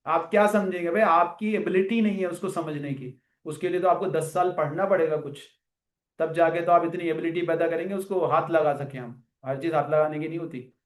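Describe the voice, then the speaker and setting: A man lecturing students in a classroom, animated and full of rhetorical questions. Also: a little high, a little fast, reverberant. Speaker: finance lecturer.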